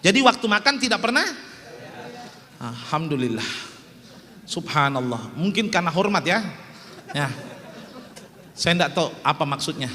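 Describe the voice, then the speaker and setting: High, bright-voiced joking preacher. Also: male voice, very animated, moderate pace, long pauses, long reverb tail. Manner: joking, teasing the audience. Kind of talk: humorous sermon. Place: small prayer hall.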